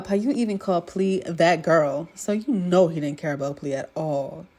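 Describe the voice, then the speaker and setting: A woman's voice: mid-range voice, a little mellow. A woman giving a casual, gushing recap of a TV drama episode, talking chattily to her viewers.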